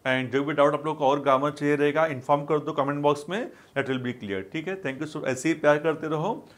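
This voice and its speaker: Indian man teaching grammar, slightly high voice. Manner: explains in Hindi, reads English examples slowly and deliberately. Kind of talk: online grammar lesson.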